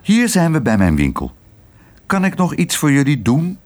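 A man reading aloud, voicing a kindly old shopkeeper in a gentle tone. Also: a little high, huge pitch swings, normal speed, pitched above the performer's own voice.

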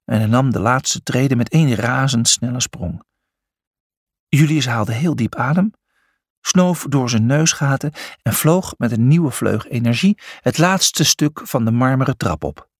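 A man narrating a children's storybook in an expressive, scripted reading. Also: mid-range voice, a little slow, breathy edge, no room sound, clean studio sound. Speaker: audiobook narrator.

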